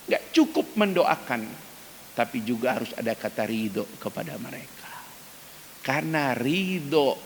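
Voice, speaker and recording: A man preaching an emphatic dawn sermon in a mosque, speaking directly to the men of the congregation. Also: vocal fry. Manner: acts out quoted prayers in loud, high cries. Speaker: ustadz preacher. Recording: reverberant mosque hall with faint hiss.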